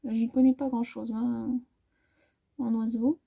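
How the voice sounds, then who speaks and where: A high-pitched woman with a mellow, slightly breathy voice chats her way through a fabric haul. She rambles, corrects herself and lets sentences trail off into soft asides. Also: level tone, slow. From France. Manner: chatty, rambling, self-correcting, often trailing off softly. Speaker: sewing vlogger. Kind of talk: casual fabric haul chat.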